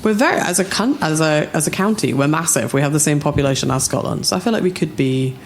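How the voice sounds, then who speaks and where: A woman's voice: low-pitched, animated, quick pace, slight background noise. A woman with a Yorkshire accent hosting a casual podcast chat in a wry, self-deprecating way. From Yorkshire, England. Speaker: podcast host.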